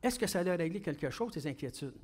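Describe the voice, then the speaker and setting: High-voiced Québécois preacher, fast and chatty. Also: male voice, expressive, darkish tone, breathy edge. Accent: Québécois French. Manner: fast-talking, conversational preaching with questions to the congregation. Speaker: pastor. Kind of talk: sermon.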